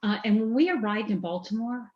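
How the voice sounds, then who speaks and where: A woman's voice: on the high side, animated, fairly quick. A woman with a mild Southern American accent, a company president chatting as a guest in an interview, talking in a loose, self-correcting way with fillers. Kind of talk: casual interview chat. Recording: dull, roomy podcast recording.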